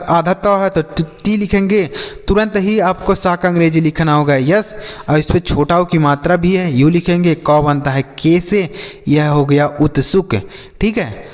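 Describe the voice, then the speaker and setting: A man, patiently teaching spelling step by step in a lesson. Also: a little high. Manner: patient, repetitive step-by-step explaining. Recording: long reverb.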